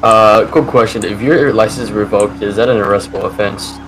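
A man's voice: on the low side, steady tone, fairly quick, noisy background. A man playing an officer in a police role-play game, calling dispatch by radio.

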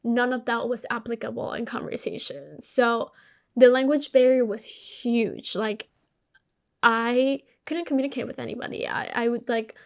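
On her podcast, a woman from Colombia whose first language is Spanish shares a personal story in a candid, casual, conversational way. Her voice is fairly high and creaky, moving at normal speed.

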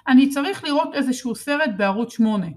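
A woman's voice: high voice, lively intonation, voice pushed up. A woman voicing a bossy, mocking teenage older brother in a storybook reading. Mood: whining. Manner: taunting, sneering.

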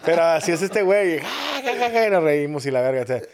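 A man, a podcast guest joking in loud, slangy banter. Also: fairly high pitch, animated, fast. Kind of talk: casual chat.

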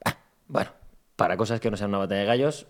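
A man hosting a podcast, talking in a quick, loose conversational way. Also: fairly low pitch. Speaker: host. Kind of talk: casual podcast chat.

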